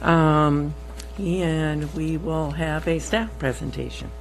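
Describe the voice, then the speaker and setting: Low-voiced woman with a troubled throat. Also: fairly even intonation, takes it slowly, soft background music, poor audio. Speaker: vice chair running the meeting. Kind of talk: formal meeting introduction. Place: public meeting room. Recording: faint hum and noise.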